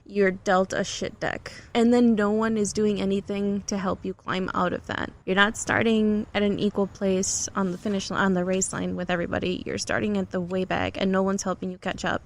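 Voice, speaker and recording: A young to middle-aged woman who grew up in the United States, speaking earnestly in long reflective runs as a podcast guest. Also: mid-range voice. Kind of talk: casual interview talk.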